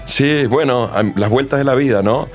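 A man's voice: medium pitch, moderate pace, soft background music. A man from Argentina with an Argentine accent, a company manager chatting as a guest in an interview, friendly and full of restarts. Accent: Argentine Spanish. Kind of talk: casual interview answers.

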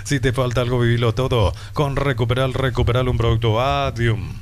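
A man's voice: medium pitch, fairly even intonation, fairly quick, background noise. A man reading scripted radio commercials in a polished, upbeat announcer's delivery.

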